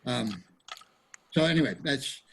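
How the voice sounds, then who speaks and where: A man's voice: medium pitch, expressive, unhurried, vocal fry, slight background noise, low-quality recording. A man leading a casual study group discussion on a video call, rambling with many restarts and fillers.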